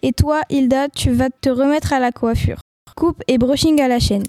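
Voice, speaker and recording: A woman's voice: high-pitched, fairly even intonation, moderate pace, warm tone, no echo. Woman reading as a blunt, cold father. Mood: cold lecturing. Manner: curt, lecturing. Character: bankrupt small mustached father, blunt and cold. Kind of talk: audiobook reading.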